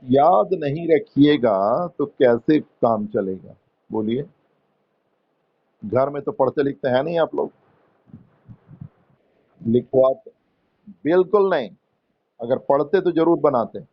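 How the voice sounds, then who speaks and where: A man with an Indian accent teaching English grammar in a classroom, slowly coaxing students to answer and explaining rules in Hindi mixed with English terms. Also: mid-range voice, muffled recording. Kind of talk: classroom lesson.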